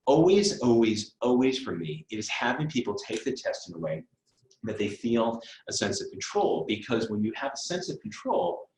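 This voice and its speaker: A man's voice: medium pitch, very animated, normal speed, a little mellow, a little hiss or hum. A middle-aged man teaching a live online test prep class in a conversational way, with fillers and asides. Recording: roomy echo.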